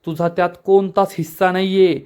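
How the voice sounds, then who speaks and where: A man's voice: high-pitched, flat delivery, fairly quick, darkish tone, smooth, natural voice. A man voicing an angry older village patriarch who threatens his relative. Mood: furious. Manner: furious, threatening.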